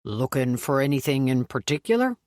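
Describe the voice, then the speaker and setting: A woman's voice: low-pitched, sing-song, unhurried, dry recording, studio quality. Woman voicing a polite middle-aged gun shop clerk. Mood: friendly. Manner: polite, helpful.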